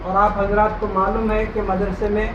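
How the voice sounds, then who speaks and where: Man, halting announcements, roomy echo, distant and noisy. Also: high voice, little pitch movement, highs cut off. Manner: halting, with fillers. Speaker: announcer at religious school. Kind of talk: making announcements.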